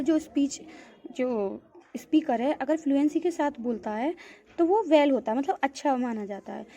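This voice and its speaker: A female school teacher with a high, warm voice delivers a classroom lecture in Hindi, explaining from a textbook on a lo-fi recording. She mixes English terms into her Hindi, addresses her students as "beta," and keeps repeating "theek hai."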